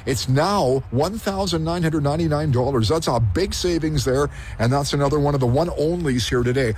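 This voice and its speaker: Higher-voiced radio man, noisy live remote. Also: moderate pace, darkish tone. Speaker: radio host on a remote broadcast. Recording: noisy on-location broadcast.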